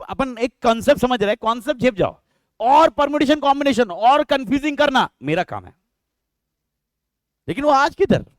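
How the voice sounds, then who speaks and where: A man gives an online law lecture in a high, bright-sitting voice. He keeps quizzing his students with repeated questions and bantering between points. The sound is close and dry, with no room echo. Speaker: law teacher.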